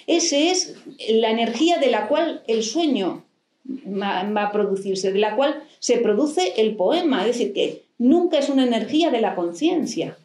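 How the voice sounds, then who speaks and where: This psychoanalyst, a middle-aged woman, lectures with a handheld mic, explaining concepts and answering rhetorical questions in a library hall with a desk and plants. Her fairly high, darkish voice moves a little slowly with lively intonation, and the hall gives an echo.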